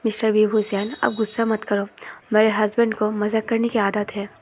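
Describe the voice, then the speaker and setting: A woman voicing a calm married young man who explains and soothes. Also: medium pitch, normal speed, husky, close to an everyday voice.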